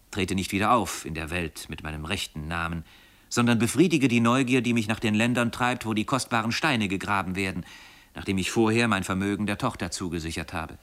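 A man with a lowish voice reads classic literature aloud as an audiobook narrator. His storytelling is steady and expressive, paced as scripted narration.

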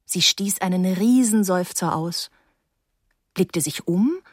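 A woman reading first-person narration for an audiobook in a lively, wry storytelling manner. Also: lowish voice, takes it slowly, no echo, studio quality.

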